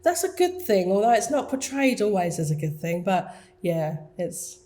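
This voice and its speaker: A woman's voice: medium pitch, big pitch swings, normal speed, warm tone. A woman with an Essex accent, a guest artist telling her story in a down-to-earth, hesitant, chatty way. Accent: Essex English. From Essex, England. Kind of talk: casual interview chat.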